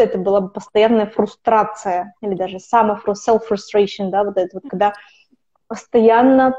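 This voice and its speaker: A woman in her twenties with a mellow, somewhat high voice guests on a podcast, where the opera student talks casually in a conversational interview. She rambles, restarting and correcting herself often; the lo-fi recording is dull.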